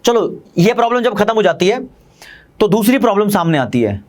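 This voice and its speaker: A man with an Indian accent teaching commerce in a fast, chatty online lecture, talking straight to his students. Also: high-pitched, sing-song, darkish tone.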